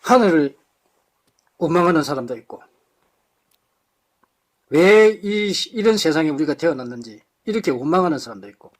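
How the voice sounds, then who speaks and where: A man's voice: a little high, lively intonation, moderate pace, pauses often. A man giving an impassioned political lecture to a live audience, firing off rhetorical questions and blunt insults.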